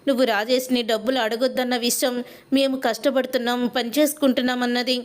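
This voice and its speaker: A woman's voice: a little high, steady tone, fast talker, natural voice. A woman voicing a spiteful, scheming mother-in-law in a serial recap, her delivery insistent and needling.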